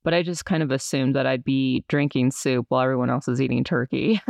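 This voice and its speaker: A woman hosts a casual podcast in a creaky voice, recorded close and dry. Her mouth moves stiffly, as if still numb after dental work. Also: rumbling low, fairly quick, a little mellow, no room sound. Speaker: podcast host.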